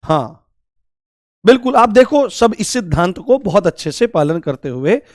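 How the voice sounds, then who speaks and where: A man with a fairly high voice runs a live online grammar class. He repeats each key word and keeps asking his students to call out examples. The sound is close and dry, with no room echo. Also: very animated, moderate pace. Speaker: Hindi grammar teacher.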